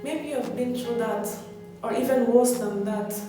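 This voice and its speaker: Earnest and exhorting, a motivational speaker repeats phrases to drive her points home in a slightly high voice at normal speed. Music plays under a very echoey recording made on a far-off mic.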